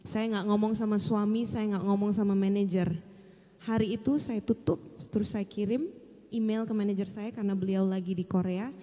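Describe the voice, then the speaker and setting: Earnest woman, mellow voice, hall echo. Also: mid-range voice, steady tone, normal speed. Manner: earnest, reflective, tells her story with feeling. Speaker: guest sharing a personal testimony. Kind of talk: heartfelt storytelling to an audience. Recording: long hall reverb.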